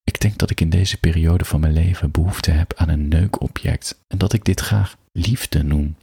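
A young man reading a first-person story aloud, in a blunt, introspective and deliberate way. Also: very deep voice, steady tone, gravelly, mellow, husky, no echo, clean studio sound. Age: young adult. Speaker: narrator.

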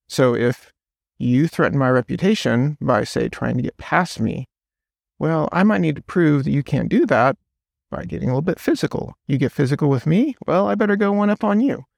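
Gravelly man explaining at length. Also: on the high side, expressive, normal speed, no room sound, studio quality. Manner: explains at length, storytelling with quoted voices. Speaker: podcast guest. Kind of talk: casual conversation.

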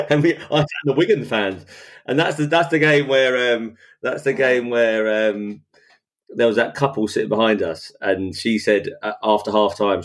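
A man chatting casually about football days, often breaking into laughter and quick interjections. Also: on the low side. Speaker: podcast co-host. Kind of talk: casual chat.

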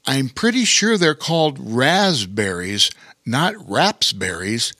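A man voicing a kindly, gentle male bear king who speaks in a calm, friendly way in a storybook reading. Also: medium pitch, a little slow, no room sound, clean studio sound. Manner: gentle, warm-hearted, calm.

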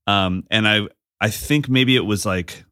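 A man co-hosting a podcast in casual chat, an animated storyteller who acts out the lines he quotes. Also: lowish voice, measured pace, clear, resonant tone, no echo, clean studio sound. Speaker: podcast co-host.

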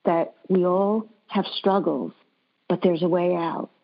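Woman, expert guest, calm earnest explaining, low pitch, dull lo-fi sound. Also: takes it slowly. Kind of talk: calm advice in interview.

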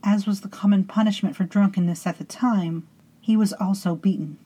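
A woman hosting and narrating a scripted horror story in a hushed, intimate way, sometimes sinking into whispers and calling her listeners beloveds. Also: medium pitch, steady tone, normal speed, husky, rough recording. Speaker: storytelling host.

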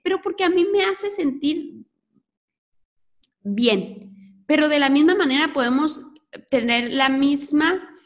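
A woman with a somewhat high voice gives a reflective self-help talk straight to her viewers. She is earnest and searches for her words, often breaking off and starting a phrase again. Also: a bit bright. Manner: speaks directly to the listener. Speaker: host.

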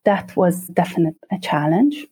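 A woman in her forties with a Hungarian accent, a guest explaining her work in a measured way with thoughtful pauses. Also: lowish voice, animated, dark tone, breathy edge. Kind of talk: interview.

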